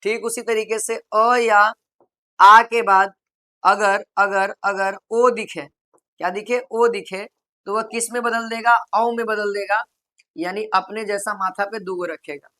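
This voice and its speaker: A woman gives a grammar lesson for exam preparation, posing questions to the class, answering them herself, and repeating them over and over while slowly drawing out example words. Her voice is mid-range, steady, and a bit bright.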